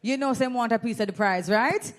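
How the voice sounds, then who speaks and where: Speaking briskly in a slightly high voice, a Jamaican woman hosts an event. Into her handheld mic she keeps up lively back-and-forth with the audience, teasing them as she goes.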